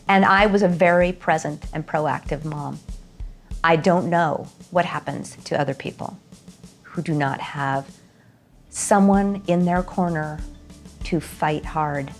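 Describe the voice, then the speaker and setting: A woman with a fairly low voice, talking earnestly and with frustration as a mother in a documentary interview. Faint music plays quietly behind her. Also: steady tone, takes it slowly, long pauses. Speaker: mother of a son with mental illness.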